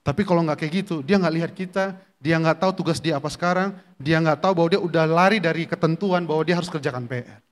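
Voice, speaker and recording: A man's voice: a little high, fast talker. A male pastor giving a church sermon in a conversational way, often turning to the congregation with questions.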